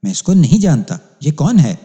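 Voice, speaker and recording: A man's voice: mid-range voice, wildly swooping pitch, warm tone. A man voicing an arrogant middle-aged landowner who talks in a haughty, blustering way. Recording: long hall reverb.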